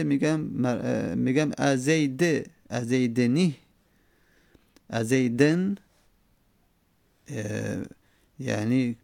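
Gravelly-voiced man teaching grammar. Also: mid-range voice, a little mellow, dry recording. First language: Persian. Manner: explains step by step, repeating forms, many hesitations. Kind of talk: Arabic grammar lesson.

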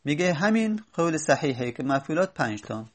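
A man's voice: a little high, very animated. A man teaching a grammar lesson, explaining step by step and stopping to correct himself. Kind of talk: spoken classroom lesson.

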